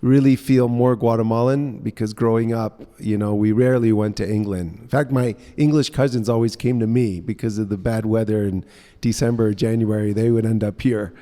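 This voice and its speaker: A man in his fifties, raised in the United States, telling stories in a relaxed, chatty way as a guest in an interview in a co-working space. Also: lowish voice, a little fast, in a large hall. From United States (grew up in New Orleans). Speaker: guest, entrepreneur. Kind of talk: casual interview conversation.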